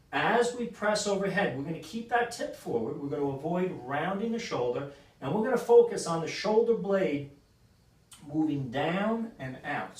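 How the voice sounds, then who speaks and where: A man, a sports injury doctor, explaining an exercise and coaching a client through repetitions. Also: a little high. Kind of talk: exercise demonstration. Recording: roomy echo, mic at a distance.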